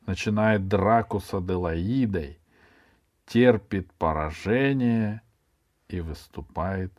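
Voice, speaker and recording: A man narrating a children's story aloud in an expressive storytelling manner. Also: deep voice. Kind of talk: audiobook reading of a children's story.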